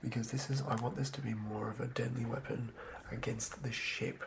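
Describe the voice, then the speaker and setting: A noisy background surrounds a man whose gravelly, medium-pitched voice keeps a fairly even intonation at normal speed. In a casual whispered ASMR session, the channel host writes tabletop game monsters, reasoning aloud and often repeating words softly.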